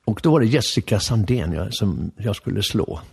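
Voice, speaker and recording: An older man, an actor, talking casually in an interview and telling stories with lively acted-out dialogue. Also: fairly low pitch, gravelly, breathy edge. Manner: animated storyteller, acts out remembered dialogue.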